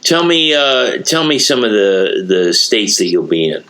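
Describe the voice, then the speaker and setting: Loose, excitable podcast host man. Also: lowish voice, a little slow, rough recording. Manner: loose and excitable, says "dude" and "you know what". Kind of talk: casual interview chat.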